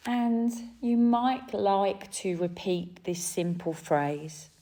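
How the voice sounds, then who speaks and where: A mid-range female voice guides a yoga nidra relaxation, soft and calming, delivered in short phrases with pauses in between.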